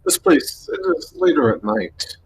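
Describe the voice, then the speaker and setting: Over a bad connection that makes his audio cut in and out, a man acting as game master for a tabletop game sets the scene slowly, in halting bursts with long pauses. He's on a voice call via headset or desk mic, and the recording is rough.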